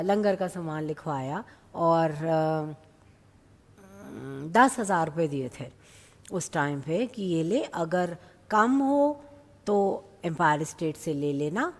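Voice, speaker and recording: A middle-aged woman telling devotional stories in a lively way, slipping into English phrases now and then. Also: deep voice, long reverb tail. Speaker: devotee sharing experiences. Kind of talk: satsang storytelling.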